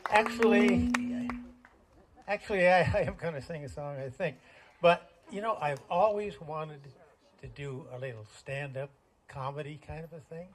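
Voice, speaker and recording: A man's voice: on the high side, lively intonation, moderate pace, a little hiss or hum. An older man telling folksy, self-deprecating jokes as stand-up comedy at a community talent show.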